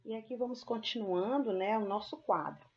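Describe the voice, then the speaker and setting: A woman's voice: fairly high pitch, normal speed, highs cut off. Patient Brazilian woman teacher. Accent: Brazilian Portuguese. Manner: patient, explains step by step, checks in with "tá?" and "ok?". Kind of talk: recorded classroom lesson.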